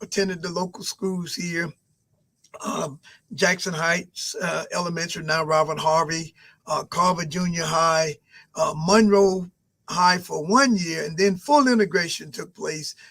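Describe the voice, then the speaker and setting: A man in his sixties answering interview questions at a measured pace, with frequent pauses and fillers. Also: on the high side, fairly bright tone. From Albany, Georgia. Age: 60s. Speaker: mayoral candidate guest.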